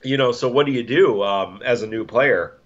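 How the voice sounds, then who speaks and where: A man's voice: mid-range voice, moderate pace, highs cut off. A man co-hosting a casual gaming podcast, rambling and restarting his sentences. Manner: rambling, restarts often, chuckles. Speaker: podcast co-host.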